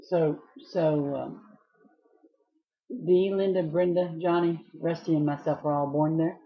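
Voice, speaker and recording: A woman's voice: deep voice, steady tone, a little slow. A middle-aged or older woman, casually asking questions as a family interviewer. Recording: dull lo-fi home recording.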